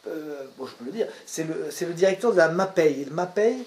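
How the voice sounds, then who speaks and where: A man, an actor, telling a personal story to an audience in a lively way and often repeating words as he searches for them. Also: fairly high pitch, a little fast, reverberant. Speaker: stage actor and director.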